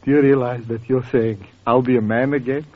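A man playing an excitable, penniless old violin composer with a theatrical, melodramatic manner, in 1940s radio comedy style, on a dull old recording. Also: medium pitch, brisk, lightly acted. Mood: overjoyed.

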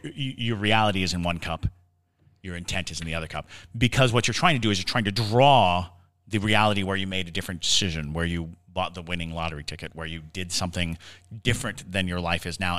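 This low-voiced man talks quickly with a fairly bright tone. He co-hosts a conversational paranormal podcast, musing through his ideas and often repeating words while he gathers his thoughts.

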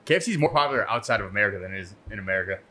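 A man co-hosting a podcast talks very quickly in a low voice. He drops offhand remarks into the casual chat. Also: lively intonation, bright, forceful tone. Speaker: podcast co-host.

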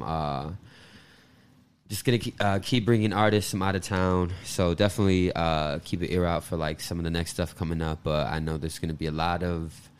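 Deep, smooth, laid-back male guest. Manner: laid-back, slangy, rambling. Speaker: podcast guest, event promoter. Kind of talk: casual chat.

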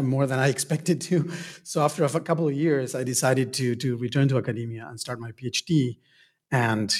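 A man in his thirties from Argentina, a scholar guest who talks in a casual, hesitant way with many fillers and restarts. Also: medium pitch. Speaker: guest, game studies scholar. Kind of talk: casual interview answers.

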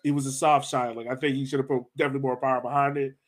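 In a racing, flat-delivered, mid-range voice, a man hosts a laid-back sports discussion podcast, chatting conversationally and questioning his co-hosts.

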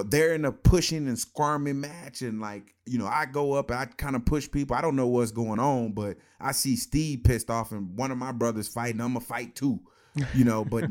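Laid-back man telling football stories. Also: mid-range voice. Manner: laid-back storytelling with laughs and slang. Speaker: former football player and co-host. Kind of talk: casual sports talk.

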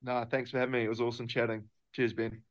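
A man's voice: medium pitch, little pitch movement, fast talker, dull audio. A young man with a New Zealand accent, a professional rugby player answering interview questions in a loose, laid-back way. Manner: laid-back, loose, lots of filler phrases.

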